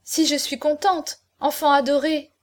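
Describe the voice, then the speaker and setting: A woman's voice: high voice, flat delivery, unhurried, voice pushed up. A woman reading aloud, voicing a grieving noble mother who pleads in an imploring, emotional way in an audiobook. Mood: pleading.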